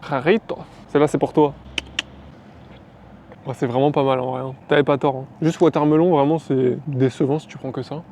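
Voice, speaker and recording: Fast-talking man vlogging outdoors. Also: medium pitch, fairly even intonation, warm tone, a little hiss or hum. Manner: chatty, rambling, full of fillers. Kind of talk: casual daily vlog.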